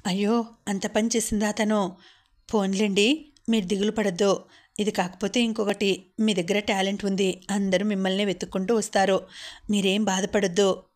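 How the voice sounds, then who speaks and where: A woman's voice: mid-range voice, level tone, moderate pace, a little mellow, natural voice. A woman voicing a caring, apologetic young wife who talks in a soothing, pleading way.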